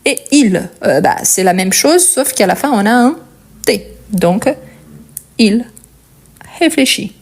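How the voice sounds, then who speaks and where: Woman w/ portuguese accent doing a french grammar lesson, slow and careful, keeps checking "ok?". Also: medium pitch, animated. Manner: patient, explains step by step with frequent checks. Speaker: French teacher. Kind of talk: conjugation lesson.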